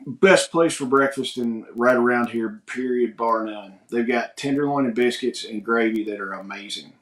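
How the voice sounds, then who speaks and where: A man's voice: medium pitch, normal speed, fairly bright tone. A man chats loosely on a morning livestream. His voice sits in a middle register, and his talk is folksy and rambling. The sound carries a noticeable room echo. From United States. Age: 40s. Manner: rambling, folksy, reads viewer comments aloud. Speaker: livestream host. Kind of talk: casual livestream chat. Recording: echoey room.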